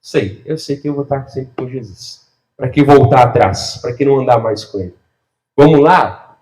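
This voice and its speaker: A man preaching a sermon as a pastor, animated, swinging between loud and soft, laughing often and speaking straight to the congregation. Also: mid-range voice, normal speed.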